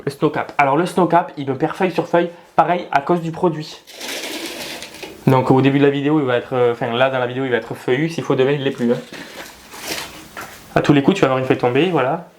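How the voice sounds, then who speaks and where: A man's voice: medium pitch, steady tone, fast talker, a little hiss or hum. A young man chatting casually indoors at home about his houseplants, swearing and grumbling, hot and sweaty. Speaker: plant vlogger. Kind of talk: casual chat.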